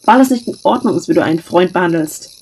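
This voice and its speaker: A talkative blond teenage boy pleads and sulks in a whiny, insistent voice, as a woman reads him aloud. His lines sit a little higher than the reader's own voice. There is a gravelly, husky edge to the sound. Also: normal speed. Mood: pleading.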